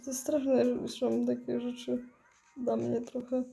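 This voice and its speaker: A stoned woman, high on weed, giving dazed, giggly, foul-mouthed rambling commentary while gaming. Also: little pitch movement, slow pace, creaky, dark tone, soft background music. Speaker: mobile game player. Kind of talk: casual gameplay commentary.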